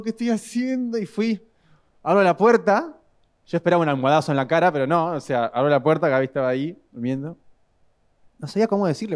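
Delivering a storytelling sermon, a young Rioplatense Spanish-accented man narrates with drama, his volume rising loud and dropping to a hush. He speaks at a fairly high pitch.

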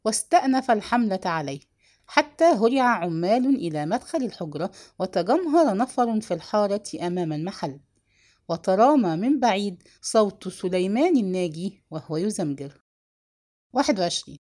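A woman narrating a novel in a measured, expressive storytelling manner. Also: medium pitch. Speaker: audiobook narrator.

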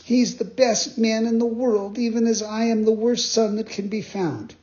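Puppet boy, high and pleading, eager and easily frightened, voiced by a man; dull lo-fi storybook reading. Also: moderate pace, darkish tone, natural voice. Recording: dull lo-fi sound.

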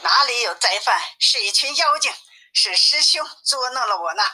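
A woman's voice: on the high side, expressive, moderate pace, sharp tone, heavily acted. A woman voicing a greedy, clumsy male pig-demon monk in a storybook reading. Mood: grumbling. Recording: tinny phone-like sound.

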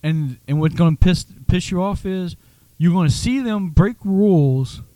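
A man's voice: sits high, a little slow, mellow, dry recording. A man co-hosting a podcast, talking bluntly and swearing freely while teasing his co-host. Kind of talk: casual chat.

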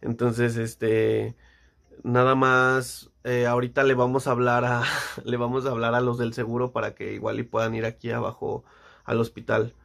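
A man's voice: medium pitch, normal speed, vocal fry. A young man with a Mexican Spanish accent, casually telling a story with lots of slang and acted-out voices. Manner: slangy, animated, acts out voices.

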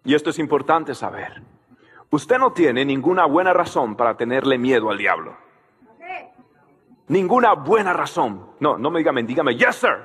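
A man preaching a sermon as pastor, telling a story and shouting out key lines while he asks the crowd to answer him. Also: fairly high pitch, animated, moderate pace, slightly rough, big-room sound.

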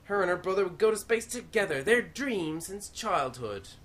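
A woman's voice: fairly low pitch, animated, normal speed, fairly bright tone. A woman playing a vain, boastful male commander of a space station in an audio comedy. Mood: smug. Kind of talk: comic radio-play acting.

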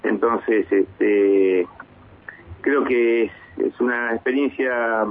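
A man in his fifties from Argentina, a base commander speaking in a measured way, with many hesitations and restarts, in a radio interview by phone. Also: mid-range voice, dry recording. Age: 50s. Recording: tinny phone line.

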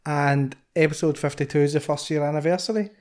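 Excitable Scottish man bantering. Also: a little high, quick pace. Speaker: podcast co-host. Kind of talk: casual chat.

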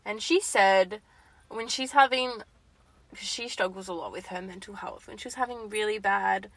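A woman's voice: medium pitch, moderate pace, fairly bright tone, dry recording. A woman co-hosting a casual advice chat, talking informally with slang and swearing. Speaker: podcast co-host.

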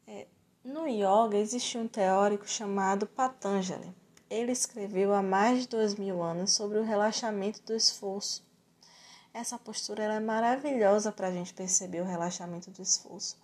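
A woman with a Brazilian accent teaching yoga and relaxation in a calm, soothing, measured way with gentle pauses. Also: mid-range voice. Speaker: yoga instructor. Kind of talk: guided yoga and relaxation instruction.

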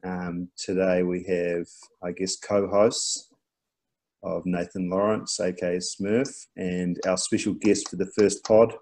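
A man co-hosting a rugby podcast, relaxed and hesitant, with many ums. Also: low voice, slow pace. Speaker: podcast co-host. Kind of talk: casual podcast chat.

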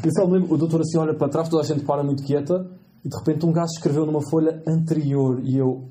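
A young man in his twenties with a European Portuguese accent, a medical student telling lively, slangy anecdotes as a guest in a casual interview. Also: on the high side, rapid-fire, a little hiss or hum. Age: 20s.

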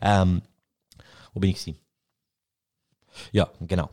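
A young man from Switzerland with a Swiss German accent, talking casually and excitedly about a film, swearing often and repeating words as he goes. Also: low voice, measured pace. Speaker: podcast host.

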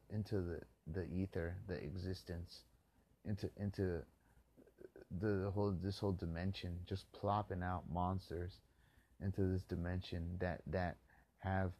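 Deep-voiced man ranting angrily. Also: darkish tone. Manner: profane, hostile, ranting. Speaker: podcast host. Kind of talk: angry monologue rant.

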